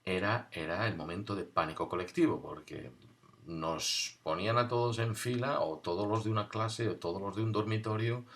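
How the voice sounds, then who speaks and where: A man recalling his school days in an unhurried, wry storytelling manner with dry humor. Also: fairly low pitch, fairly bright tone. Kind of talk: casual spoken recollection.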